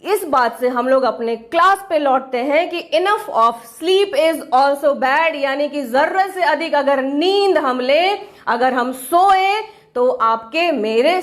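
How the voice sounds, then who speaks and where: High-voiced woman teaching English. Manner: mixes Hindi with English phrases, slows down sharply on English sentences. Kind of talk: online class lesson.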